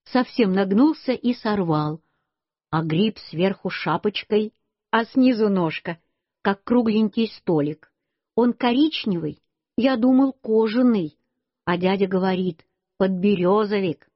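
A woman reading a children's story aloud, slow and expressive in a childlike storytelling manner. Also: medium pitch, no room sound. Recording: dull lo-fi dry recording.

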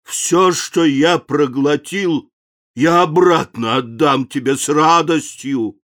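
A gentle, sly male crocodile from a storybook, pleading in a low, soft voice. A man reads him aloud, dropping well below his own pitch and coaxing with every line. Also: takes it slowly. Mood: yielding. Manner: soft, wheedling and begging.

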